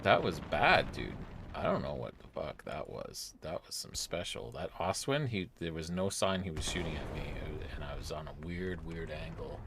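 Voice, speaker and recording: A man streaming a game live, talking excitedly to himself and a teammate and swearing now and then. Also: rumbling low, normal speed, vocal fry, background noise. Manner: excitable, swears, rambles aloud during play. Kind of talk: live gameplay commentary. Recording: loud game sounds behind.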